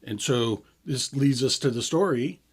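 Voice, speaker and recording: Here a sixty-something health radio host talks casually and easily through explanations, with a laugh here and there. The voice has a medium pitch, a measured pace and a breathy edge.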